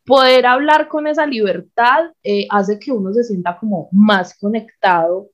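A woman's voice: medium pitch, measured pace. A Colombian woman co-hosting a podcast in casual, slangy Spanish sprinkled with English words. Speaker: podcast co-host. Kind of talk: casual, chatty podcast talk.

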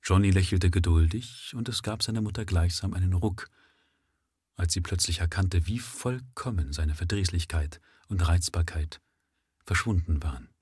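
A man reading a literary story aloud live at first sight, in a measured manner. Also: sits low, a little mellow, breathy edge, dry recording, studio quality. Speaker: reader.

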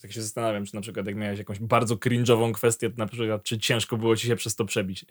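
Husky-voiced male co-host. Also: fairly low pitch, flat delivery, fast talker. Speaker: co-host interviewer. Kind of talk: casual conversational interview.

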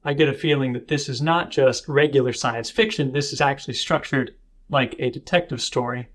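A man's voice: medium pitch, a little fast, a bit bright. A man co-hosting a book podcast who asks questions and reflects on the book in an analytical way. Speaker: podcast co-host. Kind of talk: casual podcast chat.

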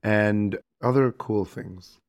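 A man's voice: on the low side, slow, no room sound, studio quality. A man speaking as a podcast guest, introducing himself casually. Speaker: podcast guest, game designer, professor.

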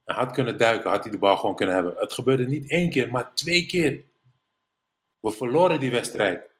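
A middle-aged man from the Netherlands, a former professional basketball player, telling animated anecdotes as an interview guest. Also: medium pitch, brisk. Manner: animated anecdotes, mimics others in English quotes. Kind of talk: casual storytelling interview.

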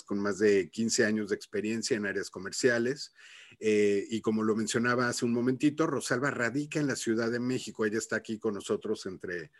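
A man hosting a conversational interview podcast, speaking in halting phrases and often repeating words as he goes. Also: fairly low pitch, no echo, clean studio sound. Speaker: podcast host.

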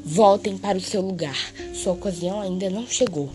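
A woman voicing a sinister old male vampire count who speaks slowly and with polite menace in a storybook reading. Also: mid-range voice, over music, close to an everyday voice. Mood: calm menace.

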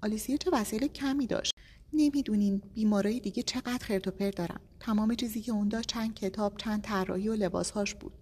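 A woman's voice: mid-range voice, a little mellow, slight background noise, voice pushed up, close to an everyday voice. A woman voicing a chatty female hospital worker who talks conversationally. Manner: conversational, lightly surprised. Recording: long echoey reverb.

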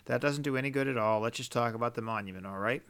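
A man reading aloud, voicing a calm, easygoing man who speaks softly and steadily. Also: mid-range voice, quick pace, clean tone, close to an everyday voice. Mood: soothing.

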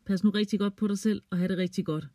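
A man reading a children's audio story aloud in a calm, clear way, closing with a short sign-off to listeners. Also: high-pitched.

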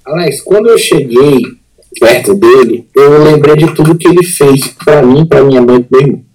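A man, a pastor giving an emotional personal testimony as a podcast guest, earnest and halting, often repeating words. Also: medium pitch, a little mellow, soft background music, low-quality recording.

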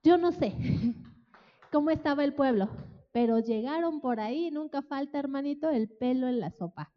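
High-voiced woman preaching in a hall. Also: normal speed. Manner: animated, acts out voices, teasing asides. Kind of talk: lively sermon. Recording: dull, reverberant hall sound.

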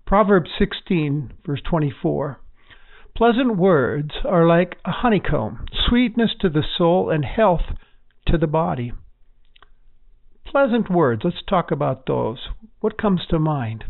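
Male pastor, slightly high voice, gentle devotional teaching, narrow telephone-like sound. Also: lively intonation, slow pace, gravelly.

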